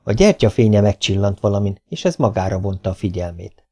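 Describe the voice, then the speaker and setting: A man reading a novel aloud as audiobook narrator, measured and even. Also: on the low side. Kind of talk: scripted narration.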